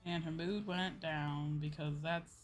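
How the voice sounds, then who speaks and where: Slightly slow and steady-toned, her low voice carries casual, slangy, mildly exasperated chatter as she games on a livestream as a VTuber. Music plays behind her voice.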